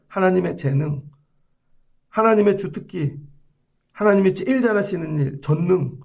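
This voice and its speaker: A middle-aged male pastor preaching a dawn sermon in a church, lively and animated, swinging between loud emphatic phrases and hushed asides, sometimes acting out quoted voices. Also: high voice, gravelly. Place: church sanctuary.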